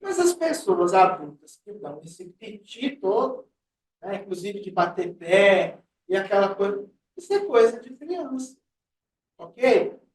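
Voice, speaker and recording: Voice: mid-range voice, big pitch swings, a little slow, a little hiss or hum. Lecturer for a psychology class, asks questions and gives examples, recorded from afar in an echoey room. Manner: explains with questions and everyday examples. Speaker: psychoanalysis teacher. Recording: roomy class audio from far off.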